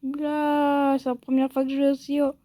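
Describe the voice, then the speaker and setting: A woman talks over her mobile game in a high, mellow voice, unhurried and playful. She rambles and pokes fun at herself, and the recording is dry and close. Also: monotone, no room sound. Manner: playful, rambling and self-mocking. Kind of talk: casual gameplay commentary.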